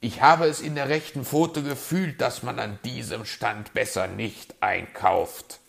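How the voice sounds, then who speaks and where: Male reader as a gravelly, grumbling old-school fox, sardonic and bossy, in a storybook recording. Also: on the low side, lively intonation, unhurried, a bit bright, exaggerated voice. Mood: grumpy. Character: grumpy, know-it-all male fox.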